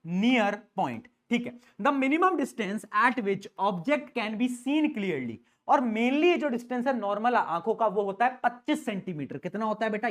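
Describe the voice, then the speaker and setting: A male teacher giving an energetic exam-prep lecture in a playful, teasing way, mixing English terms into his talk. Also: extremely high pitch. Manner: playful, teasing, calls students "beta"; mixes English terms into Hindi.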